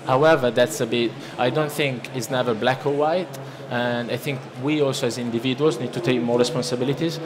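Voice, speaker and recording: Fairly quick and hardly pausing, a mid-range male voice with fairly even intonation carries an Italian accent through a casual seminar talk full of restarts and fillers. The speaker is a conference presenter from Italy in his thirties, using a lectern microphone in a large conference hall, with noise from the listening audience behind him.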